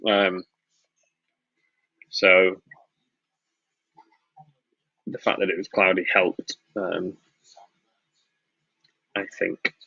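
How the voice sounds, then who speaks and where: This wedding filmmaker from Blackpool, Lancashire, in northwest England has a mild Northern English accent and hosts a casual live-stream Q&A, reading out and answering viewers' chat questions. His husky voice sits low with vocal fry, and he talks extremely slowly, with long pauses, frequent ums and restarts, in a relaxed, rambling manner. The audio is dry and dull.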